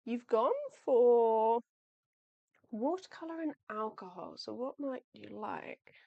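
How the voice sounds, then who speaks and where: Packing orders at her home workspace, a young woman chats on a casual livestream in a slightly high voice with vocal fry, taking her time. The recording is dry and lo-fi. Friendly and talkative, she thinks aloud, apologizes a lot, and is losing her voice.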